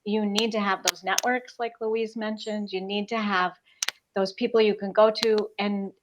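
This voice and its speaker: A woman's voice: mid-range voice, steady tone, moderate pace. An upbeat woman moderates an online panel, affirming each speaker and turning to the next. Her voice comes over a video call with faint noise behind it. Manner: upbeat, encouraging, hands the turn to each guest.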